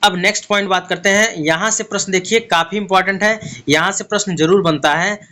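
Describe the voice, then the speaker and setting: Bright high-voiced male Hindi teacher. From India. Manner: explains step by step, asks and answers his own questions; slowly spells out letters one at a time. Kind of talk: exam-prep Hindi grammar lesson.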